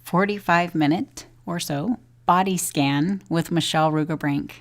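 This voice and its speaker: A woman with a lowish voice guides a body scan meditation as a teacher. Her instructions come gently and without hurry, separated by long pauses.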